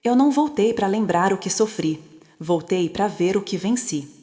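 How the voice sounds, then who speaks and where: A woman voicing a composed young businesswoman who speaks calmly and with quiet, cutting resolve. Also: mid-range voice, natural voice. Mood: cold calm. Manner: calm, measured, quietly cutting. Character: composed young woman returned as rich CEO, coldly calm. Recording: long reverb.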